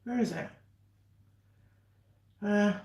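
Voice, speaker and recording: Speaking very slowly in a medium-pitched, slightly mellow voice, a woman with a British accent chats to her livestream audience while eating dinner mukbang-style. Her casual live talk over the meal echoes around the room.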